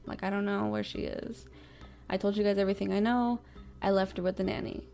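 A woman's voice: mid-range voice, fairly even intonation, brisk, gravelly, dark tone, soft background music, lightly acted. A woman mimicking a flippant young mother under police questioning, who answers with a dismissive, snappy attitude.

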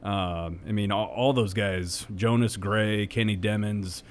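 Male sports co-host, lower voice, halting and filler-heavy delivery. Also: fairly even intonation, slight background noise. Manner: halting, many fillers and restarts. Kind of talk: casual sports talk.

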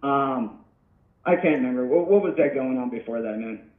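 This podcast guest, a man in his thirties, chats casually by phone, and the line sounds tinny and echoey. He speaks at medium pitch and normal speed, wandering through reflective thoughts and often starting over.

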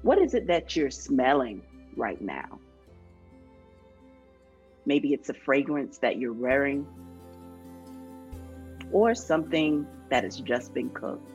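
A woman podcast host gently and calmly leading a guided grounding exercise. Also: rumbling low, slow, pauses often, dull audio, soft background music.

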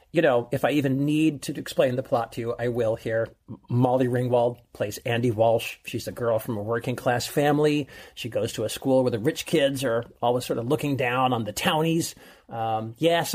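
A man's voice: mid-range voice, a little mellow. A man co-hosting a casual chat, jokey and chatty, laughing often. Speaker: co-host.

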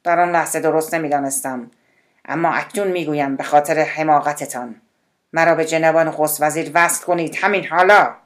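A woman voicing an agitated middle-aged male director-general who is tense and commanding, sometimes shouting. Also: low voice, fairly even intonation, lightly acted. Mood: angry, commanding.

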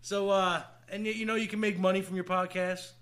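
A man with a high, forceful voice hosts a comedy podcast. He talks casually, teasing his co-host and swearing as he goes. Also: flat delivery, fairly quick. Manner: teasing, profane. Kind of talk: casual comic banter.

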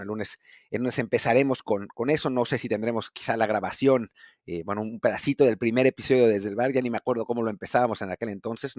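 A man's voice: fairly low pitch, no echo, studio quality. A man with a Mexican accent hosting a solo podcast, chatty and rambling, with many fillers and self-corrections. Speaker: podcast host.

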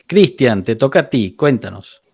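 A man's voice: medium pitch, animated, moderate pace, creaky, darkish tone, no room sound, clean studio sound. Laughing man hosting a podcast chat. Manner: friendly, laughs often, hands over to guests. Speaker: podcast host.

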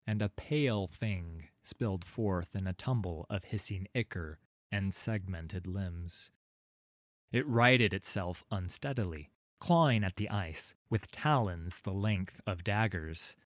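A man narrating a fantasy audiobook in a measured, dramatic storytelling manner. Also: lowish voice, no echo, studio quality.

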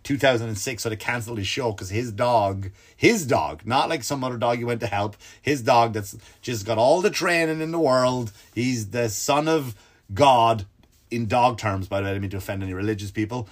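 Animated swearing comedy podcast host. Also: male voice, normal speed. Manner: animated, swearing, pitch leaps when excited. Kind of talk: comedic storytelling rant.

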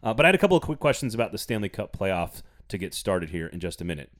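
Speaking quickly in a lowish, slightly bright, sing-song voice, this man hosts a laid-back sports podcast. He teases and jokes, then throws himself into an ad read with gusto.

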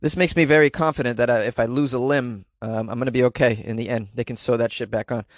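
A man's voice: mid-range voice, steady tone, fast talker, no echo, clean studio sound. A man hosting a casual comedy podcast from a small closet, commenting on news in a sarcastic, self-deprecating way. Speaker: podcast host.

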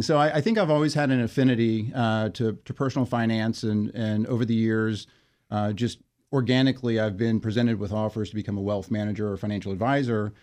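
A man being interviewed as a guest, explaining his work in a measured way with frequent fillers and restarts. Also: lowish voice, a little mellow. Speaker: interview guest, financial wellness company leader. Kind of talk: conversational interview.

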